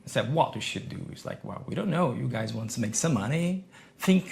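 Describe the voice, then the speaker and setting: A middle-aged man from Brazil, a podcast guest talking about his entrepreneurial past in halting, with frequent restarts. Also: mid-range voice, gravelly, slight background noise. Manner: non-native English, halting restarts, lively emphasis. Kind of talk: conversational interview.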